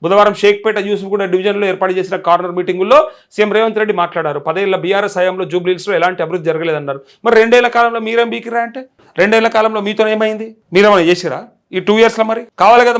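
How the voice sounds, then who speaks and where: A man with a Telangana accent reading and commenting on news as a live host, in a challenging, questioning manner. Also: high voice. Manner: challenging, rhetorical questioning of viewers. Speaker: journalist hosting a live call show.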